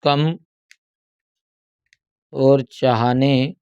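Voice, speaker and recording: Clear-voiced teacher. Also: male voice, medium pitch, steady tone, a little mellow, lo-fi sound. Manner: repeats key answers slowly as if dictating. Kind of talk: exam paper walkthrough.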